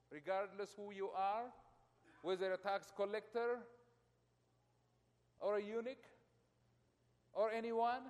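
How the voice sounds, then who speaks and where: In a church with long reverb, a middle-aged Ethiopian pastor preaches a sermon to his congregation. His high-pitched voice is emphatic, with loudness that surges and falls.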